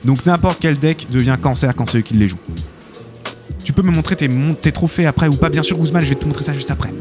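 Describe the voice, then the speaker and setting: Guy hyping up a mobile game tournament, chatty and excitable, slightly high voice, music going behind him. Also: fast talker. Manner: excitable, chatty, frequent filler interjections. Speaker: esports tournament host and caster. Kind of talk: live game commentary.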